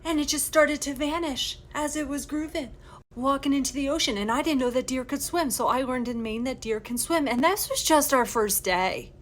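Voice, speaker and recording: A young woman vlogger telling a story in a casual voiceover, animated and exasperated, now and then swearing. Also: sits high, normal speed, a little hiss or hum.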